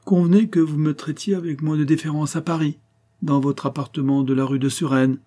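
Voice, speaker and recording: A sly, mocking male schemer from an adventure audiobook, voiced by a male narrator. He speaks higher and louder than the narration, smug and taunting. The tone stays low-bright and husky underneath. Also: fairly even intonation, a little fast, lightly acted.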